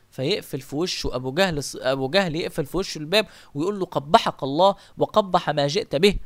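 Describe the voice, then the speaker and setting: Egyptian male religious storyteller: fast, high, animated, asks his own questions and answers them. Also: no room sound. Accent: Egyptian Arabic. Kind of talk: retelling early Islamic history in colloquial speech.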